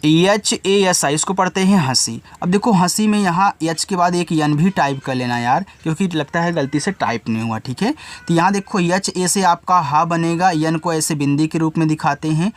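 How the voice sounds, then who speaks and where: A man's voice: on the high side, moderate pace. A man teaching English spelling in Hindi, who spells each word out letter by letter and then patiently explains how every sound is read.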